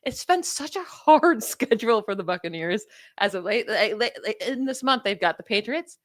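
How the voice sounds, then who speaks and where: A woman with a New York accent co-hosting a sports podcast, chatting casually and confidently, dropping stats with quick asides. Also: mid-range voice, expressive, dry recording. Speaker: podcast co-host.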